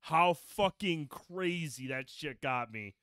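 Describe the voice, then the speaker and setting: A man's voice: fairly high pitch, slow pace, clear, resonant tone, no room sound, clean studio sound. A man hosting a podcast, telling stories in casual chat with lots of swearing and laughter. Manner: animated, swears freely, laughs often. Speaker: podcast host.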